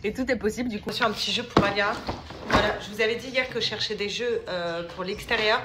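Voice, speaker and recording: At home, a fast-talking woman with a medium-pitched, steady voice vlogs casually, teasing and laughing with her family and getting exasperated easily. The room is echoey and the noise is loud.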